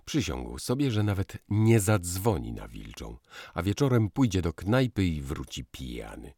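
A man reading a novel aloud in expressive, unhurried narration. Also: deep voice, no echo, studio quality. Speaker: audiobook narrator. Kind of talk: scripted narration.

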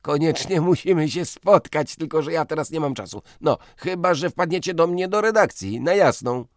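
A man doing a loud, blustering editor. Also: a little high, expressive, no echo, clean studio sound, voice pushed up, natural voice. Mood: blustering, indignant. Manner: shouting, indignant, rapid outbursts. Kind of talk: audiobook character voice.

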